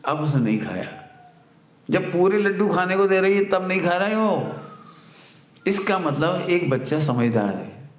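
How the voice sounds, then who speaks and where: A man's voice: fairly high pitch, a little hiss or hum. Man giving a talk in an echoey hall. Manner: explains with everyday examples, repeats key lines; acts out a mother's scolding in a raised voice. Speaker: spiritual teacher. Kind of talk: devotional discourse. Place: spiritual retreat centre hall.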